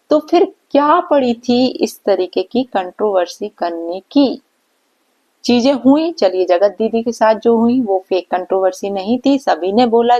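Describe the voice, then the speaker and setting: A woman's voice: medium pitch, warm tone, muffled recording. A woman vlogger giving a reaction commentary, scolding and indignant, firing off rhetorical questions. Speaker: vlogger reacting to online drama.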